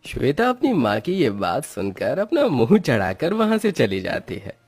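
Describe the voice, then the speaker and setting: Husky, lively cartoon story narrator man. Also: mid-range voice, moderate pace, no echo, studio quality.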